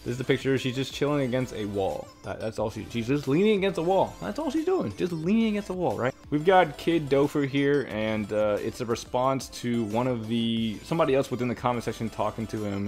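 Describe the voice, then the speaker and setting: A man's voice: medium pitch, a little mellow. Exasperated man reading online comments. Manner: exasperated, lecturing, repeats himself. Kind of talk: casual commentary.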